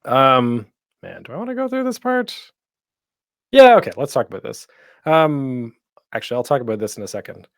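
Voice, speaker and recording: Big pitch swings mark this man's medium-pitched voice as he hosts a panel tutorial in a casual, rambling, self-deprecating style full of geeky jokes. He keeps a moderate pace, pausing often, close to a microphone with a pop screen, in a dry recording.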